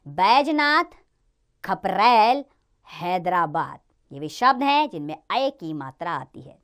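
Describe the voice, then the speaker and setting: A woman teaching a children's lesson, speaking clearly and addressing the children directly. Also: fairly high pitch, a bit bright.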